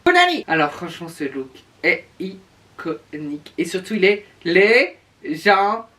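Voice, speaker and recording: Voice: mid-range voice, slow pace, bright, forceful tone. A speaker giving casual reaction commentary in a sassy, campy drag-queen manner, stretching words for emphasis. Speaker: reviewer. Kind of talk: casual reaction commentary reviewing show looks. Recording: distant microphone.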